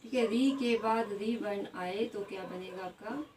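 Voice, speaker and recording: A woman teacher giving a grammar lesson. She puts questions to the class, answers them herself and repeats each word slowly. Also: medium pitch, darkish tone. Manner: adds a tag question after most points. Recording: slightly distant mic with faint background noise.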